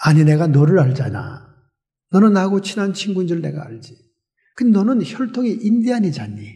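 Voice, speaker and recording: A man's voice: sits high, very animated, a little fast, mellow, big-room sound. A pastor putting on a puzzled churchgoing young man who questions his friend, told in a sermon. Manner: incredulous, questioning.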